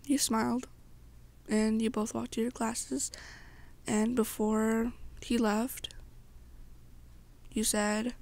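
Speaking in the second person, a young woman narrates an ASMR roleplay, her breathy delivery at times fading nearly to a whisper. Her pitch is fairly high, with a slightly mellow quality.

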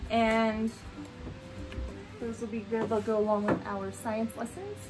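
A woman in her thirties hosts a family homeschooling vlog from a room at home with a bookshelf, chatting casually and holding items up to the camera as she explains them. Her voice sits a little high, with a level tone and an unhurried pace. Music plays in the background.

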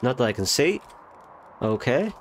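Very animated at a moderate pace, a medium-pitched man narrates a let's play for his gaming channel. His voice is nasal from a cold, and he's chatty, self-correcting, and thinks aloud, while slight background noise is audible.

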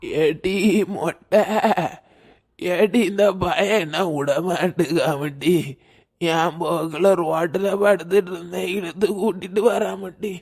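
A man's voice: sits high, steady tone, slow, vocal fry, darkish tone, heavily acted. An actor playing a drunk, rambling old grandfather. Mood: pleading. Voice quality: slurred, drawling.

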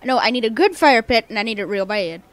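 At home, a woman with a slightly high, animated voice does let's-play commentary on video at a quick pace, recorded on a cheap microphone. She rambles, talks to herself, and asks the same questions over and over.

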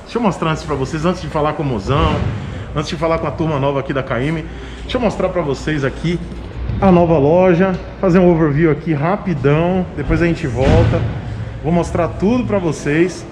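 A man's voice: fairly high pitch, brisk, background noise. Upbeat Brazilian man touring a shop. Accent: Brazilian Portuguese. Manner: upbeat, chatty, enthusiastic. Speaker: vlog host. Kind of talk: casual shop tour vlog. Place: motorcycle shop indoors.

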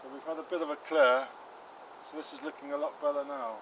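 A man's voice: very high-pitched, sing-song, fairly quick, gravelly, background noise. A man in his fifties giving a casual walk-around of his allotment and polytunnel, chatting plainly as he crouches by the beds. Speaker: allotment gardening channel host. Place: outdoor allotment garden and polytunnel. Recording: faint outdoor ambience with insects.

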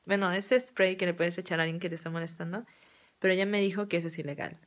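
A young woman from Mexico with a Mexican accent, telling a personal story in a casual, chatty way full of fillers. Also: on the low side. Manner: chatty, many fillers like "o sea". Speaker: vlogger.

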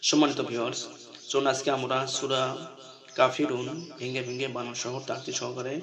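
A man with a voice of middling pitch teaches a scripture reading lesson, breaking each word into its letters and vowel marks. Between the spelled-out parts he chants the verses, rising high and stretching the sounds long. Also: flat delivery, crowd noise. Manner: spells out syllables slowly, then chants verses in a high, drawn-out melody.

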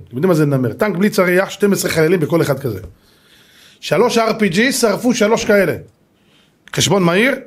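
A man, a rabbi giving a lively sermon and acting out the people in his stories, at times shouting. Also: a little high. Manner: animated, shouts and acts out voices in the stories.

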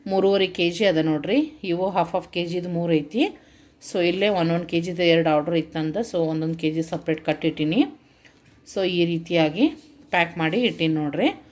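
A woman's voice: lowish voice, moderate pace, a little mellow. A middle-aged woman with a North Karnataka Kannada accent, vlogging and telling her viewers what happened in an earnest, heartfelt way. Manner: earnest, heartfelt retelling, addresses viewers directly. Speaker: vlogger and home food seller. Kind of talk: casual vlog narration to viewers.

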